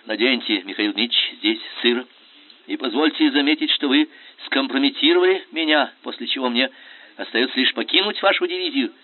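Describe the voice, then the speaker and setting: A man's voice: medium pitch, fairly quick, natural voice. A man voicing a proud, aggrieved officer who speaks stiffly and formally. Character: proud grumbling male orderly officer. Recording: tinny phone-like sound.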